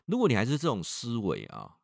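A man's voice: mid-range voice, wildly swooping pitch, fairly quick, creaky, a little mellow, no echo, studio quality. A man with a Taiwanese Mandarin accent, a professor hosting a livestream talk who tells stories and draws out the particles at the ends of his phrases.

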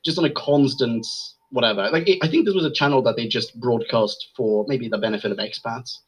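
A man in his thirties from Sweden chatting as a podcast guest, with a husky, breathy edge to his voice. He talks in a gushing, self-mocking way at an ordinary middle pitch. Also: fairly quick, lo-fi sound. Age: 30s. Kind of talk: casual chat.

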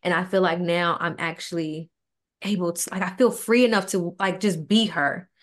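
A woman's voice: on the low side, moderate pace. Earnest young woman telling a heartfelt story. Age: 20s. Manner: earnest, animated retelling with quoted dialogue. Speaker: podcast co-host.

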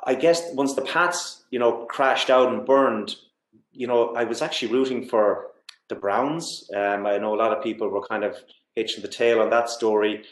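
Male sports interviewee, west of Ireland accent, conversational and enthusiastic, average pitch, roomy echo. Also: fairly even intonation, normal speed. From Galway, west of Ireland. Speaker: interview guest. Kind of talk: casual sports chat. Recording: roomy, echoey sound.

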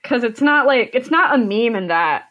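A woman's voice: fairly high pitch, lively intonation, normal speed, lo-fi sound. A young American woman from the United States, a podcast guest chatting casually, rambling with many fillers and frequent laughter. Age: young adult.

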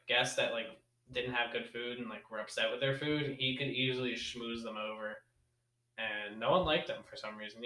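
Bright-voiced young man in echoey room. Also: medium pitch. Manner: rambling storyteller, laughs often. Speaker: podcast co-host. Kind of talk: casual chat.

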